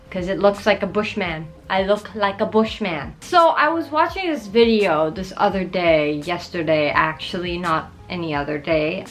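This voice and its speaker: Lively, chatty young woman vlogger. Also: mid-range voice. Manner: joking, rambling, yelps in pain. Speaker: beauty vlogger. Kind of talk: casual chatty tutorial. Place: at home in front of a mirror.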